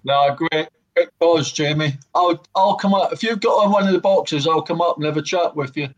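A man's voice: on the high side, moderate pace. A man on a fan podcast panel speaking in a cheerful, offhand way. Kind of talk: casual podcast chat. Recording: dull lo-fi call audio.

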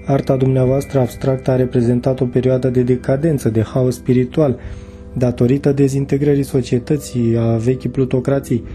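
A man's voice: mid-range voice, level tone, dark tone, soft background music, natural voice. A man reading the part of a proud, dogmatic young German artist who lectures earnestly. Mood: lecturing.

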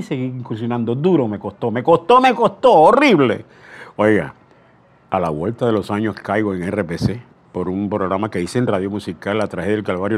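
A man's voice: on the low side, a little mellow. An older man, a veteran radio announcer, telling anecdotes in an interview. He speaks animatedly, acts out dialogue and often restarts his words.

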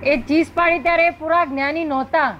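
A woman's voice: sits high, fairly even intonation, brisk, lo-fi sound. A woman asking and restating questions for a spiritual teacher in an interview. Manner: restates others' questions plainly.

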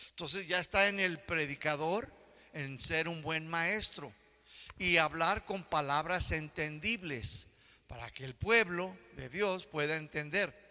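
A man's voice: a little high, bright, forceful tone, in a large hall. An older man preaching a sermon as pastor, often checking that the congregation is following along. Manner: asks the congregation for agreement.

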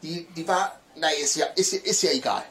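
A man's voice: a little high, moderate pace, fairly bright tone, lightly acted. A man playing the Witzbär, groggy and grumpy. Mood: grumpy, drowsy. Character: sleepy grumpy man, the Witzbär, woken by a phone.

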